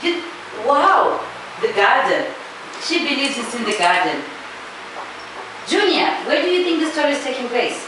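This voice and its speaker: In an echoey classroom, a woman with a Zimbabwean accent teaches primary pupils, asking questions and insistently repeating both the questions and the answers. Her voice is high-pitched and sing-song, at a moderate pace with long pauses. The mic is distant and the noise is clear.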